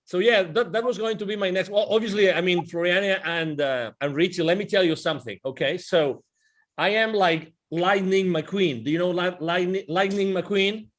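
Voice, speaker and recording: A man in his forties hosts a casual interview over a video call, speaking through a wired earphone mic from indoors in front of a virtual backdrop. His voice is high-pitched at a moderate pace, and he is eager and enthusiastic, talking with his hands and restarting his sentences often.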